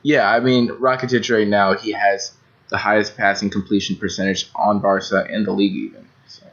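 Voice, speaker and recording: A low-voiced man co-hosts a casual football podcast and offers brief, measured takes. His voice comes through dull and lo-fi. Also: level tone, a bit bright. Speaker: podcast co-host. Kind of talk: casual sports chat.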